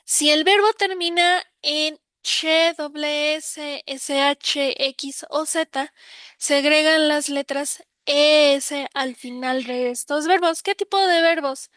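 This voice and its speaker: A woman's voice: high voice, fairly even intonation, takes it slowly, a bit bright, dry recording. A woman with a Mexican accent teaching English grammar in a recorded lesson, explaining step by step, repeating examples and answering her own questions.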